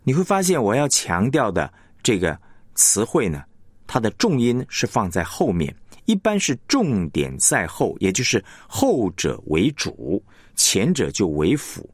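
A man's voice: measured pace, breathy edge, no echo. A man teaching announcing technique in a radio lesson, reading out example words to show where the stress falls. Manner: demonstrates word stress with lively rising and falling pitch. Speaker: broadcasting teacher.

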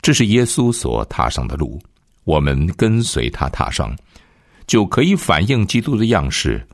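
A male preacher delivering a sermon to radio listeners in a deep voice. His delivery is emphatic, swooping between high and low with great animation. The recording is dry and close. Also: big pitch swings, normal speed, no room sound. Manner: emphatic, rises and falls dramatically.

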